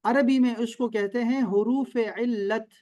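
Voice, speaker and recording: A man's voice: extremely high pitch, steady tone, mellow, dry recording. A man from Pakistan teaching an online Arabic and Quran lesson over a video call, repeating key terms and checking often that his students follow.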